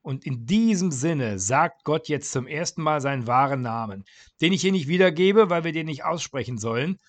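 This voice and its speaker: A man hosting his own podcast, retelling Bible stories in a lively, conversational way. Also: a little high, normal speed. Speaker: podcast host.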